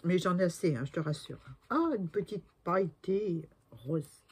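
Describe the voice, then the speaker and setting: A woman's voice: fairly low pitch, expressive, normal speed, slight background noise. A woman in her sixties chatting through a crafting tutorial, talking to herself as she works and often trailing off to a murmur. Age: 60s. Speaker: crafting video maker.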